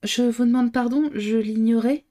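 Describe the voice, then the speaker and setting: A woman voicing a cheerful, spontaneous young woman who talks in a bright, lively way. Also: a little high, normal speed, voice pushed up, lightly acted.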